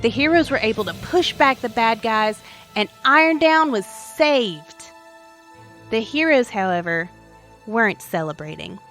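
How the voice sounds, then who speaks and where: Woman reading out a scripted story, wry and dramatic, a bit high-pitched, soft music under it. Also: expressive, a little slow. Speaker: story podcast host. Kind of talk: scripted narration.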